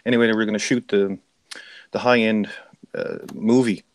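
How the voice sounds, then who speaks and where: A man's voice: lowish voice, steady tone, moderate pace. A man of fifty telling rambling stories as a guest on a casual chat stream, laughing easily. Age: 50s.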